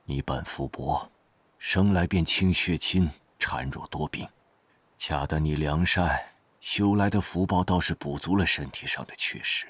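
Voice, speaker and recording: An ancient, reproachful mystic spirit speaks in an extremely low, husky voice. The delivery is solemn and archaic, full of weary gravity, in a close, dry audio drama recording. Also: male voice, fairly bright tone, no room sound, full character voice. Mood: solemn, grave. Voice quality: raspy, breathy bass. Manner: slow, sighing, archaic wording.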